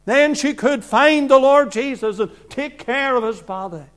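A man preaching an evangelical sermon in earnest, deliberate short phrases, swinging from hushed lines to loud projection. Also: very high voice.

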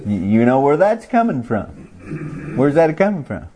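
A man preaching a sermon in a folksy way, asking the congregation questions and chuckling. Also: medium pitch.

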